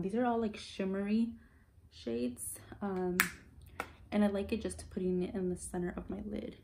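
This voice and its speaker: A young woman beauty vlogger chatting casually to camera in a hushed, low voice so as not to wake someone sleeping. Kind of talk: casual chat to camera, makeup haul.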